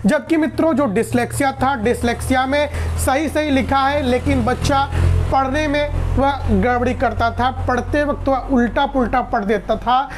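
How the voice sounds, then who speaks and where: A teacher with a high-pitched voice gives an exam-prep lesson at a measured pace, speaking slightly raised over soft background music. She explains step by step, repeating and rephrasing each point and asking questions she then answers herself.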